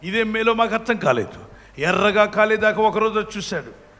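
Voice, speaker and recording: A male preacher with a high voice delivers a fervent sermon at a brisk clip. He tells a parable and acts out its dialogue, and his voice rings with the long reverb of a hall. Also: expressive, a bit bright. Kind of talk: Telugu sermon with storytelling.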